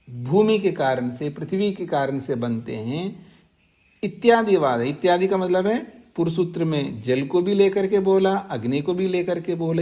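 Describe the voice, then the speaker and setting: Slow, deliberate male scripture teacher. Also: a little high, a little mellow. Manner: slow deliberate explaining, recites and repeats Sanskrit terms; asks questions to the class. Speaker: teacher of Vedanta sutras. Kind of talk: scriptural lecture. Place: ashram class.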